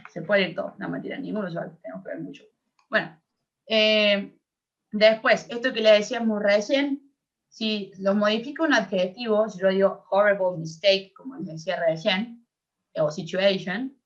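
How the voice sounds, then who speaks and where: A young Argentine-accented woman speaks at normal speed in a medium-pitched voice while tutoring English grammar. She patiently explains and makes sure her students follow along, and the recording is dull and lo-fi.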